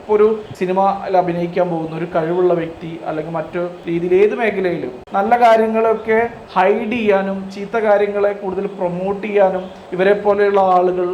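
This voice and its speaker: A man's voice: sits high, a little mellow, lo-fi sound. A man giving earnest, critical opinion commentary with emphatic phrasing. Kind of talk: opinion commentary on celebrity news. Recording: echoey room with faint noise.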